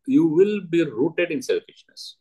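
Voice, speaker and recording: A man with a South Indian accent giving a spiritual discourse as a teacher, in short, emphatic, deliberate phrases, often repeated. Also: on the high side, very animated, dark tone. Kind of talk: spiritual discourse answering a question, with parables.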